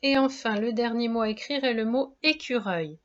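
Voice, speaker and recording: A woman's voice: a little high, moderate pace. A woman teacher giving a spelling dictation lesson to young children, breaking words into syllables, careful and encouraging. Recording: dull lo-fi sound.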